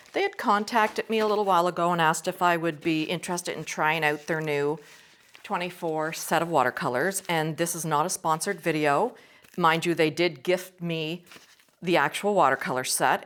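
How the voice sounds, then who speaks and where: A woman's voice: lowish voice, a bit bright. Gushing woman art vlogger. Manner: enthusiastic, gushing exclamations. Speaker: art channel host; art teacher. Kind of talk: casual swatching review vlog.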